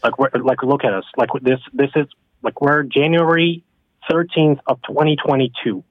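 A man's voice: mid-range voice, fairly even intonation, moderate pace, narrow, tinny audio, a little hiss or hum. A man on a radio panel, talking emphatically and repeating himself. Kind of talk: radio discussion.

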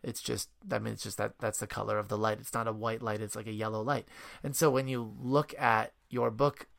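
A man's voice: on the low side, flat delivery, a little fast, creaky, a bit bright. Chatty father telling stories. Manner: rambling anecdotes, laughing often. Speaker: parent guest. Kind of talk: casual chat.

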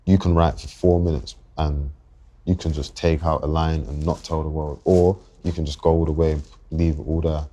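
Young man, london accent, extremely low voice, monotone delivery, reflective, halting, podcast guest. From England. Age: 20s. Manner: reflective, halting, circles back to restart thoughts. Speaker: guest rapper. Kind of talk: podcast interview.

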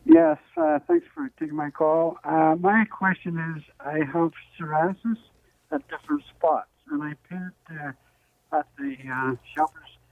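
Halting man calling in by phone. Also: on the high side, very animated, vocal fry. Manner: halting, with many uh pauses and restarts. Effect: heard over a phone line. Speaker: radio call-in caller. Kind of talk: call-in question to a radio show. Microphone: telephone handset held close to the mouth. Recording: tinny narrowband phone line, dry.

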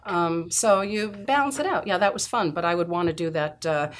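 Animated woman voice actor telling stories. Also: on the low side, moderate pace, a little hiss or hum. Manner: animated storyteller, laughs easily. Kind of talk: casual podcast interview.

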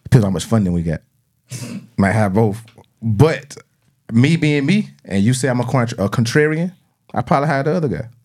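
A man's voice: mid-range voice, expressive, a little fast, a little mellow. A man with a South Carolina Southern accent chatting and debating casually as a podcast host, using slang and swearing freely.

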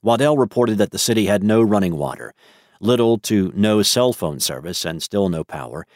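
A man reading a scripted daily weather news story in a measured, even way. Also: lowish voice, no room sound, clean studio sound. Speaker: news narrator.

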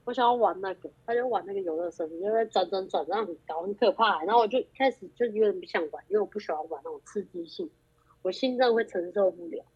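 Fast-talking young woman on a call. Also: mid-range voice, breathy edge. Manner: animated, acts out quoted dialogue. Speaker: guest. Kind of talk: casual storytelling chat. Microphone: group phone call. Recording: muffled lo-fi call audio.

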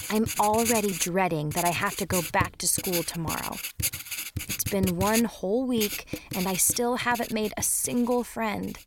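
A woman reading a first-person diary story aloud in a sarcastic, dramatic teen voice. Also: mid-range voice. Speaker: audiobook narrator.

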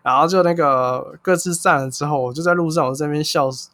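Fast-talking man telling a story. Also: a little high. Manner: animated storyteller acting out quoted people. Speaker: podcast co-host. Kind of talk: casual chat, storytelling.

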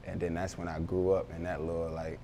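Young man, very deep voice, monotone, mellow tone, rambling slang, faint rumble behind. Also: fairly quick, creaky. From Baltimore, raised in Philadelphia. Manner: loose, rambling street slang. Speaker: rapper, interview guest. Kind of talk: casual interview talk.

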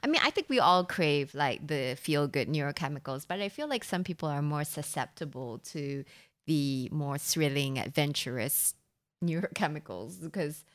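A woman's voice: low voice, expressive, moderate pace, fairly bright tone. A woman from Singapore hosting a casual chat, musing aloud and hedging with fillers.

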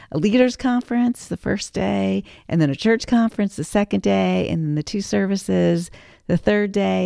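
A woman co-hosting a faith podcast, earnestly telling a personal story in relaxed conversation. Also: medium pitch, gravelly, no echo, clean studio sound. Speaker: podcast co-host.

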